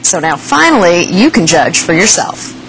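A woman's voice: fairly low pitch, sing-song, normal speed, very noisy. A young woman reporting a scripted entertainment news segment from a TV studio, in a playful newsreader manner. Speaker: news correspondent. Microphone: lapel mic.

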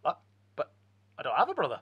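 A man playing a hapless, flustered husband who stammers, with a husky voice. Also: on the high side, wildly swooping pitch, fast talker, lo-fi sound, heavily acted.

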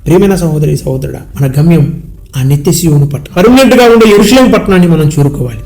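A man's voice: on the high side, animated, creaky, a little mellow. A man preaching an earnest sermon and prayer, exhorting his listeners. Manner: earnest, exhorting, sings slow hymn lines.

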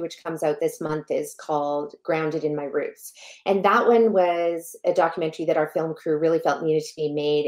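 A woman's voice: sits low, darkish tone. Emphatic middle-aged woman on a video call. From born in Malawi, raised in Canada. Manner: emphatic, passionate, gestures while talking. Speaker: guest, health educator. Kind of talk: podcast interview. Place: home room with plants. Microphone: headset over a video call.

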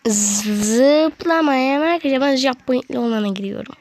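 A woman's voice: high voice, moderate pace, darkish tone, dry recording. A woman giving casual gameplay commentary, chatting to viewers and getting easily frustrated with the game. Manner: chatty, talks to viewers as friends. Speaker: gaming video creator.

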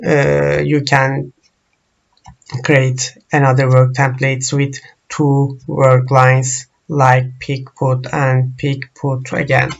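Man, turkish native speaker, slow hesitant tutorial talk, gravelly, muffled lo-fi mic, mouse clicks. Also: medium pitch, monotone. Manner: slow, halting, frequent uh fillers. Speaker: software trainer. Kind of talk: screen-recorded software tutorial.

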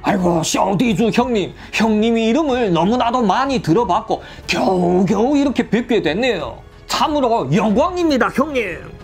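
A man's voice: high-pitched, expressive, normal speed, hardly any pauses, soft background music. Man doing a fawning bully of a karaoke boss. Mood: groveling. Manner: groveling, then swaggering and bossy. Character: fawning karaoke owner in his late fifties turned blustering bully.

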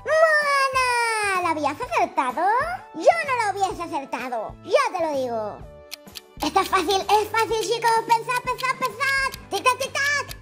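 A woman's voice: very high voice, sing-song, measured pace, full character voice. A woman voicing a cheery hoofed female cartoon mascot with a Spain Spanish accent, hosting an emoji guessing quiz in a bubbly, sing-song, exclaiming way. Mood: excited. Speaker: quiz host. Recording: music bed under voice. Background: children's music.

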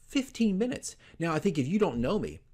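A dungeon master in his forties hosts a casual opinion vlog, giving tips to camera in an emphatic, conversational way. His voice is a little high with big pitch swings and a fairly quick pace, and there's background noise. He's indoors in a small furnished room at home, speaking into a desk microphone in front of him.

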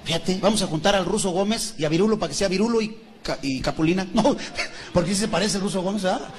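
A man's voice: sits high, quick pace. A man with a Mexican accent telling jokes as a stand-up comedian, chatty, asking the audience and laughing at his own lines. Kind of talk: joke telling.

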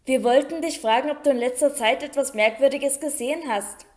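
Woman reading as a sensible schoolgirl, brisk and high-voiced. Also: a little mellow, natural voice. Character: clever schoolgirl, brisk and practical.

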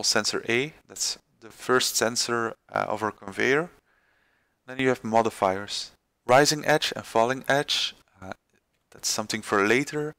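Gravelly man explaining software. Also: medium pitch, no room sound. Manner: halting, many fillers and restarts. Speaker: tutorial presenter. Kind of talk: screen-recorded software tutorial.

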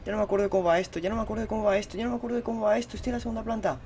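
A man with a Spain Spanish accent giving horror let's-play commentary, repeating himself and yelling and swearing at the game. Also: high-pitched, fairly even intonation, rapid-fire, creaky, a little hiss or hum. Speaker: gaming channel host.

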